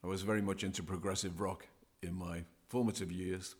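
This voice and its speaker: A man speaking as a podcast guest, giving deliberate, emphatic advice as a DJ coach. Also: deep voice, level tone. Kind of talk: measured, scripted-sounding advice.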